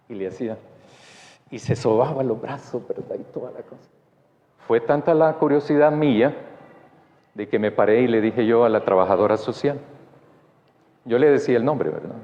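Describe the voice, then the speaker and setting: A man's voice: medium pitch, a little mellow. A male pastor telling a personal story in a sermon, chatty and often checking in with his listeners. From El Salvador. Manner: conversational, keeps asking the congregation for agreement. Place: church sanctuary. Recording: dull sound in a church with long reverb.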